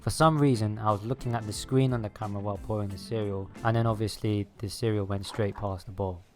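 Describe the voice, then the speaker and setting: Low-voiced man narrating over music. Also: fairly even intonation, fast, darkish tone. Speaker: video creator narrating his own making-of. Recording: music behind the voice. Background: background music.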